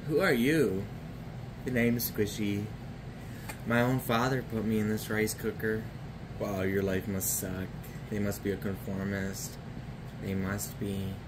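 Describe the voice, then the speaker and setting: A puppeteer voicing a gloomy, deadpan emo boy doll in a puppet comedy sketch, speaking in a low, mumbled drone. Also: a little slow, long pauses, background noise.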